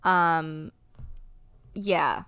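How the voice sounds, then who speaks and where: A young woman in her twenties, co-hosting a casual podcast, speaks in a fairly low voice. She is candid and swears freely. The sound is close and dry, with no room echo. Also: steady tone, drawn-out words, pushed and bright, smooth. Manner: candid, swearing, fighting back tears. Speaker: podcast co-host. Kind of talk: casual chat.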